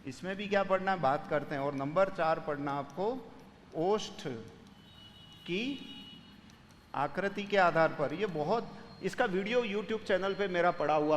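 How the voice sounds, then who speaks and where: A man's voice: sits high, big-room sound, slight background noise. A man teaching grammar for an exam, explaining step by step and putting students' questions to himself. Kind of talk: exam-prep lecture solving questions.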